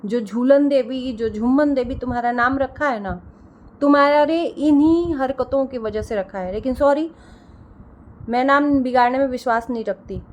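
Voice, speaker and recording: Indignant woman vlogger with a high voice, scolds hard and hammers her points by repeating them. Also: moderate pace, highs cut off. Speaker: reaction video creator. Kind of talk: heated reaction rant.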